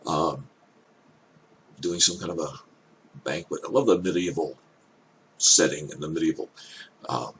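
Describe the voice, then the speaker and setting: An older man with an elderly-sounding voice gives casual off-the-cuff commentary, thinking aloud in halting, hesitant phrases. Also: very deep voice, fairly even intonation. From Canada. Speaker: reaction video host. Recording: clear background noise.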